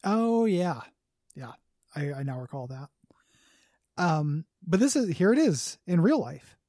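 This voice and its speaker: A man co-hosting a podcast in casual chat, blunt and jokey, quick to vent. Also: a little high, sing-song, dark tone, no room sound, clean studio sound. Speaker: podcast co-host.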